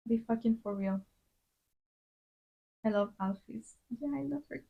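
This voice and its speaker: On her drawing livestream, a young streamer from Latin America rambles along with frequent fillers and restarts. She speaks unhurriedly in a highish, creaky voice, and the audio sounds narrow and tinny.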